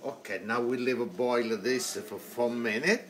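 A man's voice: medium pitch, fairly even intonation, measured pace, heavy background noise. A man in his eighties with an Italian accent, chatting in broken English while cooking live in his home kitchen, filmed on a handheld phone. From Italy. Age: 80s. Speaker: home cook host. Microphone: handheld phone camera. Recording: echoey kitchen with faint music.

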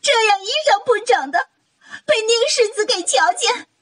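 A woman voicing a young noblewoman who sobs and pleads in a frantic, high voice. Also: animated, normal speed, fairly bright tone. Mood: tearful pleading. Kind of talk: audiobook character voice.

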